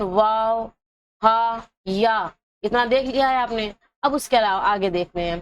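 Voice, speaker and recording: A woman teaching an Urdu exam-prep lesson, asking her own questions and answering them, dragging out example words to show how they sound. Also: on the high side. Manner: drags out example words to show their pronunciation.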